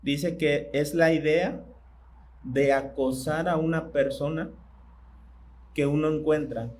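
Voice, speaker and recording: A man preaching a sermon in church, speaking conversationally and asking his congregation questions that he pauses to let them answer. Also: on the high side, fairly even intonation, darkish tone, slight background noise, poor audio.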